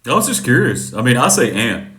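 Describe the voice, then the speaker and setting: A man's voice: mid-range voice, very animated, brisk, pushed and bright, roomy sound. A man co-hosting a casual movie discussion podcast, easygoing and a little hesitant. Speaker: podcast co-host.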